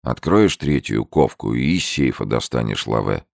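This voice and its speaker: A man's voice: rumbling low, lively intonation, normal speed, vocal fry, no room sound, clean studio sound, exaggerated voice. A man voicing a menacing young criminal enforcer who speaks in curt, threatening slang.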